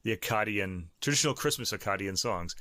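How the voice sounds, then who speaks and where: A man co-hosting a music podcast in casual chat, halting and stumbling over foreign words with a laugh. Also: lowish voice, animated, bright, forceful tone, no room sound, studio quality. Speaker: co-host of a classical music podcast.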